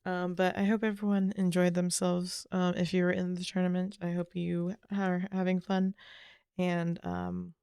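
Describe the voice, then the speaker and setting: A woman's voice: fairly low pitch, completely flat delivery, normal speed, gravelly, dark tone, smooth, dry recording, studio quality. A woman streamer chatting casually after a game, rambling, trailing off and correcting herself as she goes. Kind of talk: casual chat while gaming.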